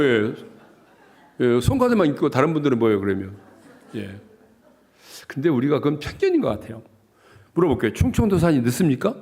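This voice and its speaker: A man from South Jeolla, Korea, preaching a revival sermon as pastor in a joking, animated way. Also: fairly high pitch, gravelly, breathy edge.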